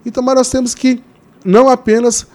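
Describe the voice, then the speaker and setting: A man's voice: extremely high pitch, little pitch movement, fairly quick, warm tone. A man giving interview answers as a guest, earnest and hesitant with many fillers, growing impassioned as he speaks. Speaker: interview guest, Green Party member organizing a river cleanup.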